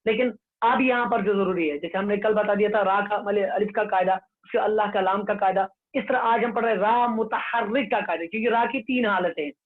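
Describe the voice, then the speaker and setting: Male recitation teacher, high voice, tinny online-class sound, drills rules over and over. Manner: slow, repetitive, drills rules and has students repeat. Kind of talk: online lesson with recited examples.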